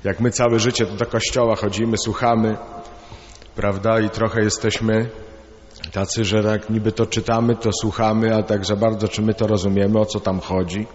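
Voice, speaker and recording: A man's voice: lowish voice, flat delivery, moderate pace, a little mellow. A man, a priest giving a homily, chatting informally with anecdotes and fillers. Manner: conversational, hesitant fillers, tells jokes. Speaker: priest preaching. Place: church. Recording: reverberant dull church sound.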